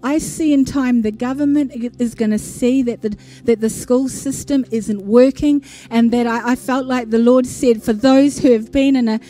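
A woman's voice: on the high side, fairly even intonation, moderate pace, hardly any pauses, dark tone. A woman giving an earnest prophetic address to a congregation, declaiming in short list-like phrases. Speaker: church speaker sharing prophetic visions. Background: music behind the voice.

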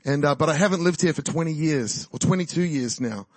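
On a dry recording, a man with a somewhat high voice speaks a little fast. He's a guest preacher in his forties with a New Zealand accent, giving an exuberant, chatty sermon and testimony in church, often laughing and stirring up the congregation.

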